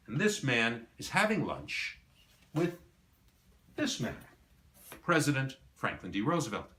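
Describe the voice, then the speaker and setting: A man's voice: medium pitch, fairly bright tone, slight background noise. A middle-aged man telling a story to a visitor about an item in his collection, acting out the quoted dialogue. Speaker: collector showing his library.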